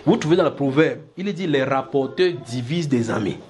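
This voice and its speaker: A man from Cameroon preaching a sermon to a congregation, lively, acting out small scenes and chuckling as he teaches. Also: fairly quick, a little hiss or hum. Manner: lively, acts out little scenes with shifting pitch, chuckles while preaching.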